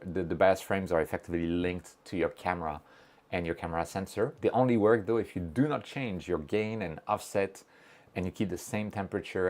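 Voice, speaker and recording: A man with a low, slightly mellow voice hosts a relaxed livestream. He's chatty, reads chat messages out loud, jokes at his own expense and walks through technical steps in plain terms.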